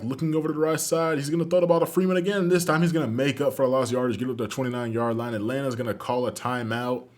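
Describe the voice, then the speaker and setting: A man doing excitable play-by-play commentary over a football video game, calling each play like a sportscaster. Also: fairly high pitch. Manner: excitable, calls plays like a sportscaster. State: out of breath at the end. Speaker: YouTube gaming host.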